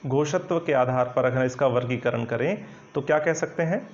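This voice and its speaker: A man teaching Hindi grammar in an online coaching lesson, explaining step by step while writing on a board, often checking in with "right?" and pausing with fillers. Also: mid-range voice. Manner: explanatory, repeats "ठीक है ना" often, hesitant fillers. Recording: dull lo-fi recording.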